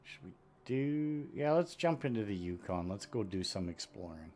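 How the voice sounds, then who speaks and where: A man missing his two front teeth, chatting casually and matter-of-factly in a rambling way as he live-streams a video game. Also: fairly low pitch. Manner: rambling, unhurried, matter-of-fact. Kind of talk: casual live-stream chat while gaming. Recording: steady background noise.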